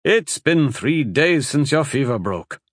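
A man's voice: mid-range voice, big pitch swings, slow pace, dry recording, studio quality, pitched above the performer's own voice. A man voicing a folksy, blunt older husband who speaks plainly and scolds when worried.

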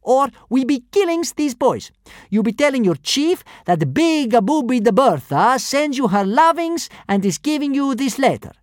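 A man's voice: very high-pitched, very animated, moderate pace, no echo, studio quality, pitched above the performer's own voice. A man voicing a burly male Roman thug in disguise who speaks in broken, garbled sentences. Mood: bossy. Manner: shouty, garbled grammar.

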